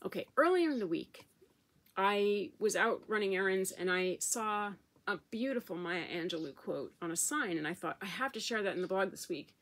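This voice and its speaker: A woman speaking in her personal video blog, emotional and halting, close to tears. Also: mid-range voice, animated, fairly bright tone. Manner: emotional, halting, tearful at times. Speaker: vlogger.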